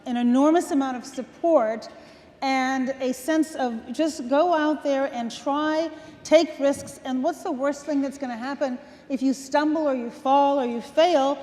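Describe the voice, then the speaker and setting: A woman in her sixties, a guest on stage, telling stories from her life in a relaxed conversational way, laughing between points. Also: high voice, measured pace. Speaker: guest speaker. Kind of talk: onstage conversation. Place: large event hall. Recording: long hall reverb.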